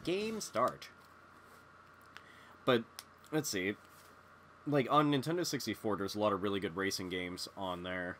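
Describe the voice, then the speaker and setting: Loud racing game music runs beneath this congested, sick gaming-channel host as he chats over gameplay. His voice is lowish and unhurried, with long pauses, and his casual talk is rambling, profane and packed with fillers.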